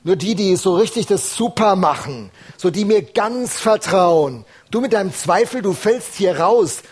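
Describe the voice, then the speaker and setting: A man voicing a dismissive, scornful God who turns doubters away, with a husky voice and a mocking, brusque manner. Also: sits high, expressive, a little slow, pitched above the performer's own voice, full character voice.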